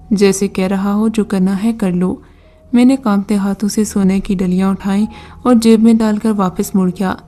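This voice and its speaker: A woman storyteller reading a first-person story in an even, measured way. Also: medium pitch.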